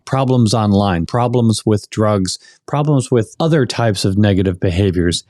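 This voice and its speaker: A man hosting a podcast, asking the guest thoughtful questions in a measured way. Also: fairly low pitch, darkish tone, no echo, studio quality. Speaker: podcast host. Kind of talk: interview questions.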